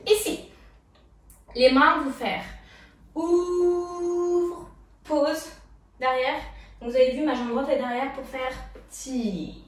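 Her voice is high and her pace measured, with many pauses, as a young woman leads a street jazz dance tutorial. She counts out the beats and adds sound effects for each move, heard from a distance in an echoey room.

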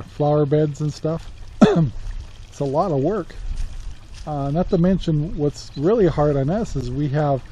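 A man's voice: fairly high pitch, warm tone. A man in his sixties chatting casually outdoors in a rural yard for his homesteading vlog, plainspoken, with many filler words. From Central Oregon, USA. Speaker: homesteading vlogger. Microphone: handheld camera at arm's length. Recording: dull lo-fi sound with faint outdoor noise.

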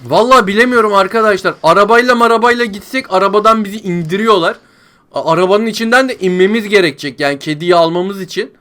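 A man with a noticeably high-pitched voice, narrating his gameplay for viewers in a chatty, frustrated way. He complains to the audience as if to friends and breaks into yells when the game turns on him. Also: fast talker. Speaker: gaming YouTuber. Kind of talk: let's play commentary.

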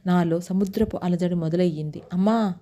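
A woman with a Telugu accent telling a first-person story in steady, unhurried narration. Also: lowish voice.

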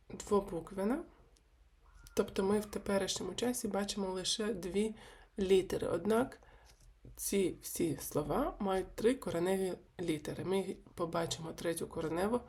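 A woman teaching a video grammar lesson. She speaks slowly and deliberately and repeats verb forms one by one. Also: lowish voice, a little mellow. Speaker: Hebrew language teacher.

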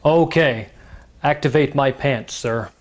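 A man's voice: mid-range voice, takes it slowly, noisy background, lightly acted. A man playing an eager, eccentric, nerdy gadget inventor in a vintage TV commercial.

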